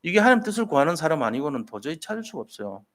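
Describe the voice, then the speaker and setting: A man's voice: fairly high pitch, sing-song, very fast, a bit bright. Man pastor telling a sermon story. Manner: storytelling with rhetorical questions to the congregation.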